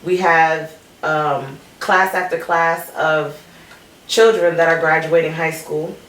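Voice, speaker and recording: A woman's voice: low-pitched, steady tone, slow pace, fairly bright tone. A woman co-hosting a casual podcast chat, blunt and tipsy, laughing and swearing freely. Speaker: podcast co-host. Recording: echoey room, mic far off, faint noise.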